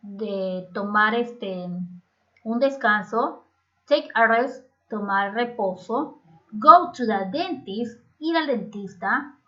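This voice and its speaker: A woman teacher, explaining a grammar lesson to children slowly and patiently. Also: a little high, a bit bright. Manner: slow, patient explaining, switching between languages. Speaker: English teacher. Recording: slightly muffled lo-fi home recording.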